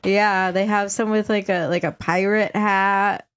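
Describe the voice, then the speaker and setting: A woman's voice: mid-range voice, fairly even intonation, a little slow, clear, resonant tone. A woman co-hosting a podcast, chiming in with brief amused remarks in casual chat. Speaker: podcast co-host.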